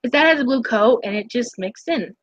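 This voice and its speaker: Young woman streamer, bright high voice, chatty and giggly, muffled dry mic. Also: lively intonation, no echo. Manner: chatty, giggly, quick asides. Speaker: live streamer and artist. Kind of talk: casual live-stream chat.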